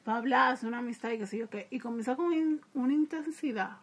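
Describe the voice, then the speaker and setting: A woman, co-hosting a casual chat and telling stories with laughs and trailing pauses. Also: a little high, slightly rough. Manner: chatty, laughing, trails off when unsure. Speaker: podcast co-host.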